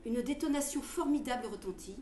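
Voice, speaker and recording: A woman's voice: fairly high pitch, a little fast, dark tone. A woman storyteller giving a theatrical, scripted narration indoors. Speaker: storyteller, stage performer. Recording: roomy with faint background noise.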